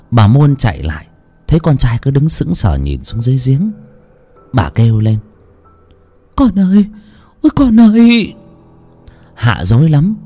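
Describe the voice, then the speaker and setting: A man narrating a horror story in a dramatic, expressive reading. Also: lowish voice. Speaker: audiobook narrator. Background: soft music.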